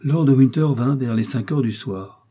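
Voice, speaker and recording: Man reading with dark husky voice. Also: mid-range voice, moderate pace. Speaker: audiobook reader. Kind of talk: audiobook narration.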